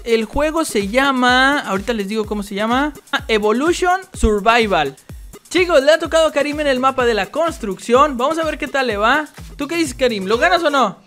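High-voiced Mexican woman gaming host. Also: a bit bright. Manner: exclamatory, repeats words in bursts. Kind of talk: excited let's-play commentary with a child.

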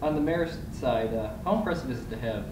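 A man asking questions at a press conference, halting and restarting his sentences. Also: medium pitch, lively intonation, distant mic. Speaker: reporter. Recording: echoey room, off-mic, noisy.

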